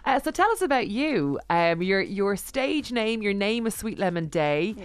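A woman's voice: medium pitch, sing-song, unhurried, a crowd in the background. A woman with an Irish accent hosting a radio interview. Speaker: radio host.

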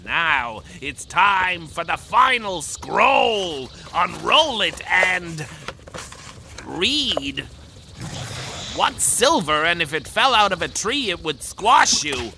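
A woman's voice: fairly low pitch, very animated, slow, sharp tone, slight background noise, exaggerated voice. A woman playing a vain, menacing ancient pharaoh villain in a children's radio comedy, with an imperious, theatrical delivery. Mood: menacing, commanding.

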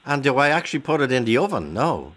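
A man's voice: mid-range voice, very animated, fast, fairly bright tone. Irish male phone-in host, probing. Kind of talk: casual interview chat.

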